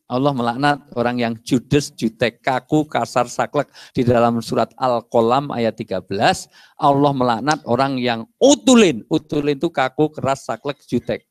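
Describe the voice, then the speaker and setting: A middle-aged male preacher, giving a lively sermon and acting out little dialogues. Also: medium pitch, no room sound, studio quality. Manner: animated, acts out dialogues and jokes with the audience. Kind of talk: lively sermon to a mosque congregation.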